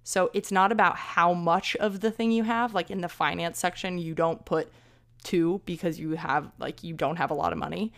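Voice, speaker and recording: A woman's voice: lowish voice, steady tone, normal speed, creaky. A young woman in her twenties hosting a casual solo podcast, chatty and rambling with self-deprecating asides, a little out of breath. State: slightly out of breath. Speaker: podcast host.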